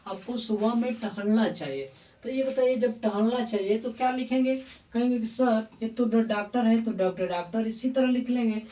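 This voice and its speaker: A woman's voice: fairly high pitch, mellow. A woman teaching a grammar lesson, asking the class questions, answering them herself and checking in often. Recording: echoey room, voice from far off the mic.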